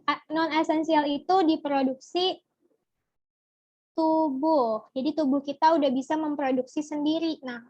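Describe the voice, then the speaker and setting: A young woman runs a relaxed online biology class, tossing questions to her viewers and answering them as they come in. Her voice sits high and bright. The sound is dry and a little dull, like a simple home setup. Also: no room sound. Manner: chatty, asks the viewers questions and answers from chat. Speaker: biology tutor. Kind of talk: casual online biology lesson.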